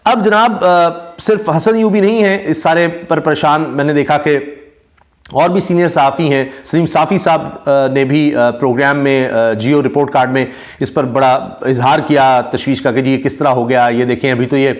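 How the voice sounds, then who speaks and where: A man, giving casual spoken commentary on news clips, talking at length with many drawn-out pauses and fillers. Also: mid-range voice, fairly even intonation. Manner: talkative, frequent "aa" fillers and pauses. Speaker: YouTube commentator.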